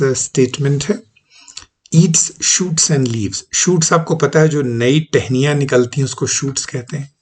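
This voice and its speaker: A man teaching a recorded lesson, explaining slowly and patiently with many examples. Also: a little high, breathy edge. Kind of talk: recorded online lecture.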